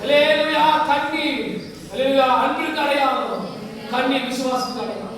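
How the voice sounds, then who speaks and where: A woman's voice: sits high, normal speed, a crowd in the background. A woman preacher giving a fervent sermon, often saying hallelujah and asking the congregation questions. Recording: echoey hall, voice far from the mic.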